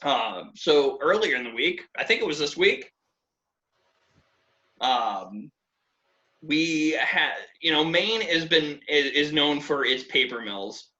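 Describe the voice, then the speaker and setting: Animated, bright-voiced New England man. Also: slow, highs cut off. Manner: swearing, animated, acts out quotes in high voices. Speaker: podcast host. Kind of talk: casual chat.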